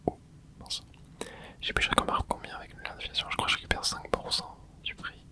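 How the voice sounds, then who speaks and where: Whispering softly and without voice the whole way through, an ASMR creator comments on a video game she's playing, talking fast while rambling, hesitating, and restarting amid lots of fillers.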